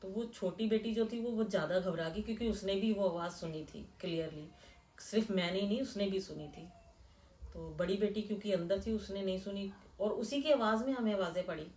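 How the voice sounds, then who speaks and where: A middle-aged woman from Delhi, earnestly retelling a frightening real-life experience in a hushed first-person way. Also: mid-range voice, a little fast, recorded from a distance. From Delhi, India. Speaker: storyteller. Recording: echoey room, voice a bit off-mic.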